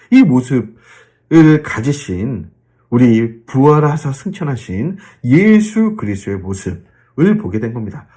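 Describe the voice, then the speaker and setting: A man, a pastor, giving a Bible lecture and asking his listeners questions along the way. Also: mid-range voice. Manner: animated, drawn-out fillers, rhetorical questions to the listeners.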